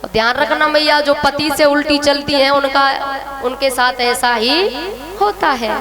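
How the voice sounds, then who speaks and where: A woman preacher with a high voice tells a devotional parable at a slow pace. She turns to her listeners directly and adds teasing asides. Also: fairly even intonation. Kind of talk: devotional sermon with storytelling.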